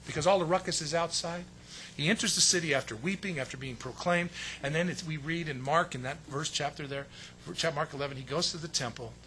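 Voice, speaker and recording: A man preaching a sermon with emphatic delivery, swinging between loud stressed phrases and hushed asides. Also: fairly high pitch, brisk, slight background noise. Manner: acts out quotes in a raised voice. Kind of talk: sermon teaching.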